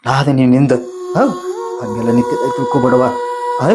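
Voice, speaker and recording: A man's voice: medium pitch, wildly swooping pitch, fairly quick. A man playing a poor father and driver who soothes his sick daughter. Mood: tearful. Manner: soothing, choked with emotion. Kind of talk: short film acting. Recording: music under the dialogue.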